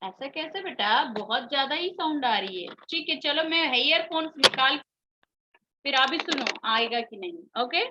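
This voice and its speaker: A woman teacher giving an online phonics lesson to young children, drawing out each vowel sound slowly and calling her pupils affectionately. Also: high voice, expressive, noisy background. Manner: slow, drawn-out vowel demonstrations, calls pupils "beta". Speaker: schoolteacher. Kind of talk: online English phonics class. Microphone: video call. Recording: dull lo-fi video-call audio.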